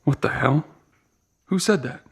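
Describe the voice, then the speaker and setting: A gravelly, wry inner monologue. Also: male voice, medium pitch, measured pace, heavily acted. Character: reborn boy's inner adult voice, wry man. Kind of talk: audio drama acting.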